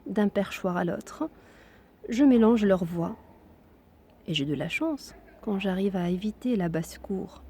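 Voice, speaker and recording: A woman giving an expressive, intimate reading of a literary text, her voice sometimes dropping to a whisper. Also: mid-range voice, husky. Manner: hushed, intimate delivery that drops into whispers.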